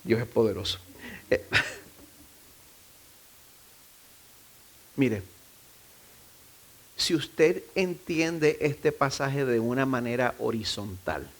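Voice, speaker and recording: A man's voice: medium pitch, slow, long pauses. Man preaching a conversational sermon. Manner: conversational preaching with frequent restarts and self-deprecating asides. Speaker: pastor. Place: church.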